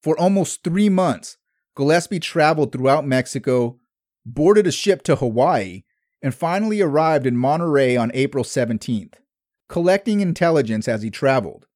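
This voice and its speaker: Male history narrator, somewhat high voice, steady measured read, dry booth sound. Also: no room sound. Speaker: history podcast host.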